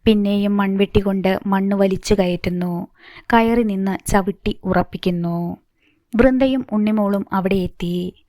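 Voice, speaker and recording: A woman reading a novel aloud as an audiobook narrator, steady and measured. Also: mid-range voice, no room sound, clean studio sound.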